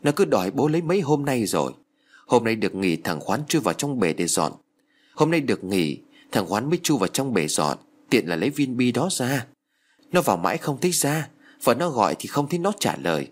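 A man voicing a grieving elderly grandmother who laments in drawn-out cries, reading a storybook. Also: mid-range voice, big pitch swings. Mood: distraught.

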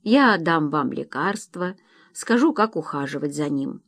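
A male audiobook reader voicing a calm, kindly local doctor who reassures a frightened wife. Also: on the high side, a little slow, creaky, full character voice. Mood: reassuring. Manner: reassuring, gentle. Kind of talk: audiobook narration with voiced quotes.

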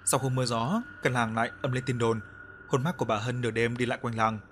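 A man narrating a spooky village story in steady storytelling for an audiobook. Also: medium pitch, fast talker, slight background noise.

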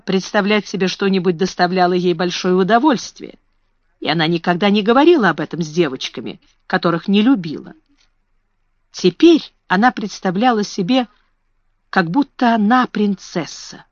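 An audiobook narrator reads a children's classic at an even, measured pace. The sound is dull and lo-fi, close with no room echo. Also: mid-range voice. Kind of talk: audiobook reading. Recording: dull lo-fi dry recording.

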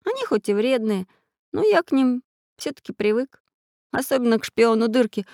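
A woman voicing a gentle, soft-hearted young boy in a children's audiobook. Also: a little high, sing-song, moderate pace, dry recording, clean studio sound, voice pushed up. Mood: wistful.

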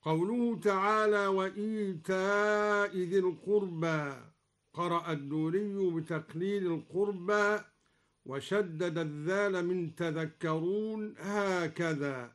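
A man with a high, lifted voice teaches Quran recitation variants over the radio. He moves at an unhurried pace, explaining each point and then chanting the verse in a drawn-out melodic way. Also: a bit bright.

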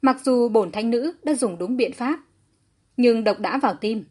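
A woman's voice: a little high, a little slow, a little mellow, breathy edge. A woman voicing a proud young female healer who speaks with self-important haughtiness. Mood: defensive.

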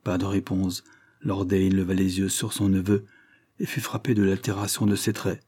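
A man narrating a classic novel as an audiobook, in a measured, steady reading. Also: low voice, slightly rough.

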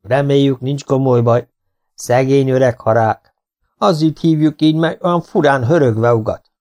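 A man's voice: medium pitch, darkish tone, voice pushed up, natural voice. A man voicing a cordial, unshaven man in his sixties who speaks in a hearty, raised voice. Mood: worried.

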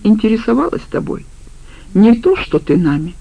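A spiteful, scheming woman, as a narrator puts her on, sharp-tongued and brazen, her voice pitched higher. The tone is gravelly and the audiobook recording sounds dull. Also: very animated, normal speed, full character voice. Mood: bitter. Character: spiteful scheming woman, the criminal's former partner.

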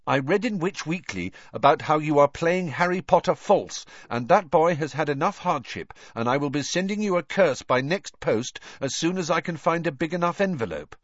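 A man voicing an excitable teenage boy wizard who talks bluntly. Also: on the high side, moderate pace, few pauses, dry recording, pitched above the performer's own voice. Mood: mocking. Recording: dull dry lo-fi audio.

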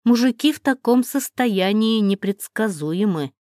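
A woman voicing a calm, advising neighbor. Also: medium pitch, unhurried, no room sound, studio quality, natural voice. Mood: concerned. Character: calm, concerned male neighbor.

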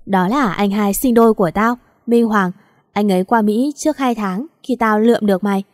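A woman voicing a bossy, gruff young rich master who gives curt, scolding orders. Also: medium pitch, moderate pace, a little mellow, dry recording, clean studio sound, close to an everyday voice.

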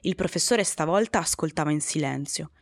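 A woman reads children's stories aloud in a calm, expressive storytelling voice. Her tone sits a little on the low side and flows evenly. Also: a little fast. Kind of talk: storybook narration.

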